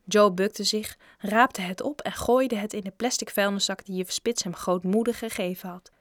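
A woman calmly narrating a children's book aloud. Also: medium pitch, moderate pace, no room sound, studio quality. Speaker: audiobook reader. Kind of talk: scripted narration.

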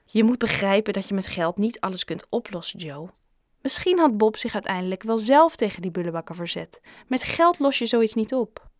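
Lady doing kind shopkeeper guy, gentle coaxing voice, dry and close. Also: mid-range voice, normal speed, dry recording, close to an everyday voice. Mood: wise. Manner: gentle, coaxing, sometimes lively. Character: kindly grown-up male shopkeeper, gentle and caring. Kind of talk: audiobook character reading.

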